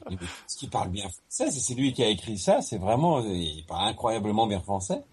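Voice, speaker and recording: A man from France talking in a casual, conversational way, as in a relaxed chat with someone he knows. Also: fairly low pitch, fairly quick, a little hiss or hum.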